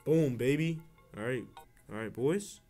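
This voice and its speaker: A man's voice: medium pitch, unhurried, mellow. A man giving casual commentary while he plays a video game. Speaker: gamer playing and commenting. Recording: game music behind the voice.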